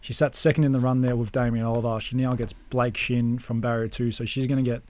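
A man's voice: mid-range voice, level tone, quick pace, a little mellow. An Australian man previewing horse races as a tipster, with confident, punchy hype in how he talks. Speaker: racing tipster, podcast host. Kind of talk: horse racing preview chat.

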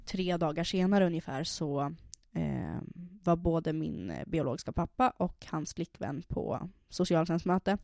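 A woman's voice: low voice, vocal fry, a little mellow, no room sound, clean studio sound. A young woman frankly telling her own story in a casual podcast, full of fillers and acted-out dialogue. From Sweden. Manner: frank, lots of fillers, acts out quoted dialogue.

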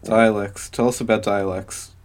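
A young Australian man co-hosting a comedy podcast, quick and playfully provocative, often laughing. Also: on the low side, steady tone. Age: young adult. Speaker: podcast co-host. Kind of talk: casual comedy chat.

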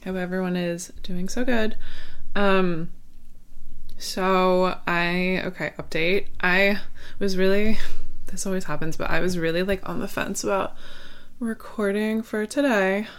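A woman's voice: medium pitch, steady tone, measured pace, smooth. A young adult woman chatting casually as a solo podcast host, rambling and hesitant, with girly informal speech and lots of "like" filler.

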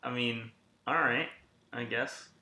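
Bright-voiced man in an echoey room. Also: mid-range voice, slow. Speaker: sports podcast host. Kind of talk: casual sports chat. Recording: roomy, echoing sound.

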